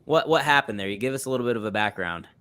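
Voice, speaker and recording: A man's voice: medium pitch, animated, very fast, a bit bright, no room sound. A man hosting a podcast, asking easygoing questions and cracking jokes. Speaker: podcast host. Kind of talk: casual interview.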